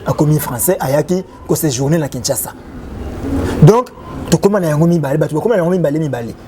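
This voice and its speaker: A Congolese man, a guest on a talk show, explaining legal clauses in an animated, loose way and sometimes reading the text aloud. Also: on the high side, fast, noisy background. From Democratic Republic of the Congo.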